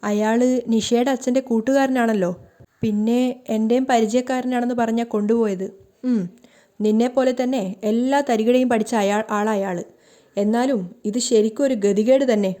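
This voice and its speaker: A woman voicing a nervous, evasive young man who stammers excuses, in a mellow voice. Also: fairly high pitch, fairly even intonation, moderate pace, lightly acted. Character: nervous sly cheating young man, Manohar.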